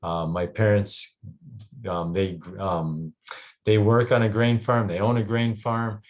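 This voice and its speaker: A man's voice: lowish voice, flat delivery. A middle-aged Canadian doctor giving a casual health talk to a group, filling his sentences with ums and restarts. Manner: halting, frequent ums and restarts.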